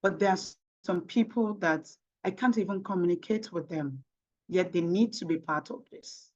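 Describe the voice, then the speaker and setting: On dull-sounding audio, a woman working in tech, Nigerian with Yoruba as her first language and a Nigerian accent, gives forceful interview answers peppered with rhetorical questions. Her voice is fairly low in pitch and moves at a moderate pace.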